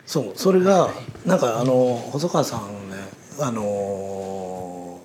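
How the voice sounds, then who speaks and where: A man's voice: fairly low pitch, takes it slowly, noisy background. A man hosting a casual interview, musing aloud with lots of fillers. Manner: rambling, many fillers, thinks aloud.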